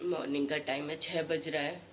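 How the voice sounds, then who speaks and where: A woman with a cold vlogging at home early in the morning, speaking softly and slowly so as not to wake anyone. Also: sits low, steady tone. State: has a cold. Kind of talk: casual home vlog. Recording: noticeable background noise with vehicles.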